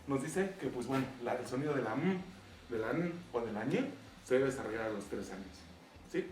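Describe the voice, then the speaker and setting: A man's voice: medium pitch, a little mellow. A man giving a university lecture, often asking his students whether they follow him. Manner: checks understanding with frequent rhetorical questions. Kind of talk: classroom lecture. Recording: roomy, distant mic, faint background noise.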